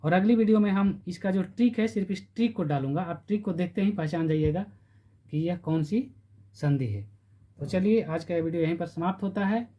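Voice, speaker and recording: Guy teaching grammar, says stuff twice, drags out the sounds, muffled lo-fi audio. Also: sits high. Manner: repeats terms, stretches syllables slowly. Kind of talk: grammar lesson. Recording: dull lo-fi recording.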